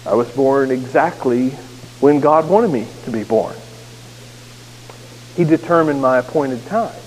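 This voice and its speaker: In a church sanctuary, an American pastor with a neutral accent delivers an earnest sermon, lightened now and then by self-deprecating humor. His medium-pitched voice is a little slow and darkish in tone. Echo from the sanctuary and a faint hiss can be heard.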